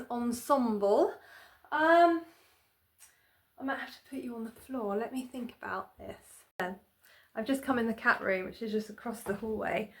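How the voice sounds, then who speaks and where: A woman chatting casually to her phone camera in a small room at home, rambling and self-deprecating, with plenty of "um"s and restarts. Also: a little high. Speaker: vlogger. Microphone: phone camera on tripod.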